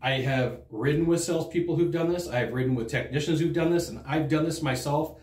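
Animated middle-aged man, sales trainer. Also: a little high, fairly quick, roomy sound. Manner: animated, conversational, acts out customer quotes. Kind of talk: direct-to-camera training talk. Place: studio in front of a green screen. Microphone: fixed camera, standing at a desk.

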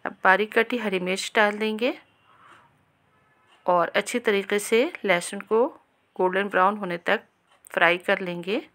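In a calm voice-over, a woman with a mid-range voice walks her cooking-channel audience through a recipe one step at a time, addressing them directly.

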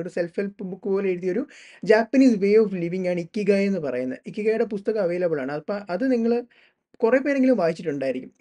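A man's voice: sits high, dark tone. A young man with a Malayali accent giving a chatty, informal literature lecture, sometimes reading textbook phrases aloud.

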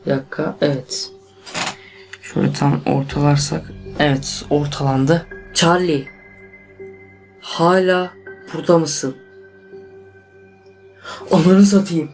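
A man's voice: fairly high pitch, a little slow, long pauses, faint music behind. Nervous young Turkish man vlogging. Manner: tense, excitable, addresses viewers as friends. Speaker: YouTuber. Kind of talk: casual vlog to camera.

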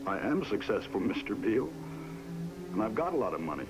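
An actor playing a hard, guarded businessman on the run from the law in an old television drama, speaking in a clipped, quietly threatening way. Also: fairly low pitch, sing-song, fairly quick, over music, rough recording. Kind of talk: 1950s television drama acting. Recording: old television recording with audible hiss.

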